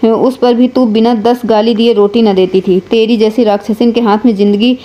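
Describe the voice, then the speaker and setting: A woman reading the lines of a resentful, hot-headed young village man who shouts insults. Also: fairly high pitch, steady tone, moderate pace, natural voice. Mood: furious.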